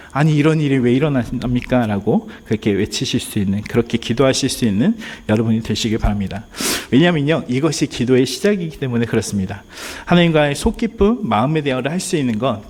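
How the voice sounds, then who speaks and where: A man's voice: medium pitch, darkish tone, breathy edge. A man preaching a sermon as pastor, earnest and speaking straight to the congregation, at times acting out pleading prayers. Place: church sanctuary.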